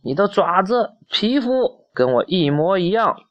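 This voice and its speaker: A woman's voice: medium pitch, very animated, measured pace, lo-fi sound, pitched above the performer's own voice. A woman doing a fierce tyrannosaurus in a storybook. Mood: challenging. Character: fierce adult tyrannosaurus, gruff and challenging.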